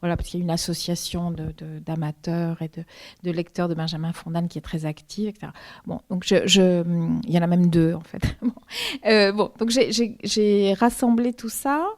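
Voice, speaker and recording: A woman's voice: lowish voice, fairly even intonation, normal speed, a little mellow. Woman author from Argentina, native Spanish speaker, hesitant bookshop-talk answers, full of restarts. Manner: hesitant, many repeated words and restarts.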